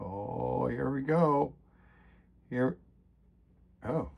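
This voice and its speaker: A middle-aged man talks through his bench repairs in a relaxed, drawn-out pace, muttering fillers as he works. He gets openly excited when a test passes and worried when something breaks. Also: medium pitch, vocal fry, noisy background. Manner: excitable, thinking aloud with many fillers. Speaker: retro computer repair vlogger. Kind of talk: casual hands-on repair commentary.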